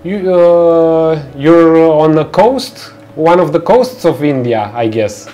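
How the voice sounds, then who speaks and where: Young romanian guy streaming, talks slow and easy to chat, bit high voice, faint music behind. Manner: chatty, reads out and answers viewer chat, relaxed unhurried, filler-heavy. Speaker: livestream host. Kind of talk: casual live-stream chat while 3D modeling. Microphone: headset.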